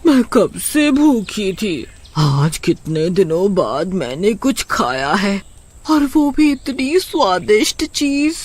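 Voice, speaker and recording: A woman voicing a rich, hungry female witch in a cartoon, drawn-out and sing-song. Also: medium pitch, very animated, a little mellow, breathy edge, exaggerated voice. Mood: delighted. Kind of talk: cartoon voice acting.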